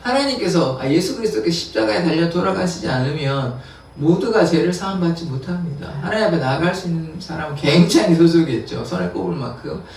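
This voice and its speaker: A man's voice: a little high, expressive, a little fast, vocal fry, a little mellow, slight background noise. A man pastor giving an early-morning sermon, explaining scripture in plain words and acting out the quotes with a laugh. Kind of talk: dawn prayer sermon. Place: church sanctuary. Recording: echoey, distant church recording.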